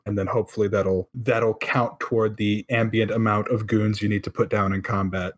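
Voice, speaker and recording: A man playing a tabletop role-playing game, describing his character's moves with joking asides. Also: on the low side. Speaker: player. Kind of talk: casual tabletop play.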